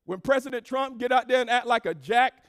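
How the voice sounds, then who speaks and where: Here a woman pastor moves briskly through a stirring sermon, calling out to her congregation for responses. Low asides give way to shouting and sing-song cadences in her emphatic preaching.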